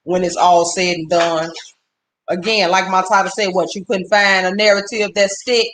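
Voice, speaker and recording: A man with a high voice holds an angry livestream rant, swearing freely. He keeps breaking off to greet his viewers by name before going back to his complaint. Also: flat delivery, normal speed, a bit bright. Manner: profane, heated, stops to greet viewers. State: upset.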